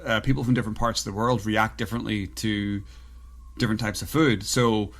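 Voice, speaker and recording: A man's voice: on the low side, fairly even intonation, fairly quick. A man hosting a podcast, telling rambling, anecdotal stories in casual conversation. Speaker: podcast host.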